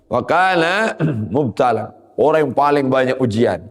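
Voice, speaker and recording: A man's voice: mid-range voice, lively intonation, measured pace, big-room sound. A man giving an Islamic sermon, moving between quoted Arabic and explanation with rising emphasis. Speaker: preacher.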